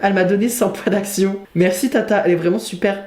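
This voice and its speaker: A man's voice: sits high, steady tone, quick pace, a little mellow. A man in his twenties giving chatty, jokey commentary while playing a game, reading the text aloud and adding asides. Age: 20s. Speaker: gaming YouTuber. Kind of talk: let's-play commentary. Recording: roomy echo with faint music.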